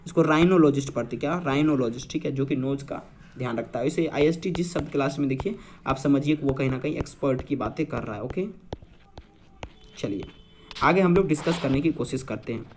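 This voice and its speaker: A man's voice: medium pitch, brisk, a little hiss or hum. A young man teaching English vocabulary for an exam, explaining patiently and quizzing his listeners with repeated questions. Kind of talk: vocabulary lesson.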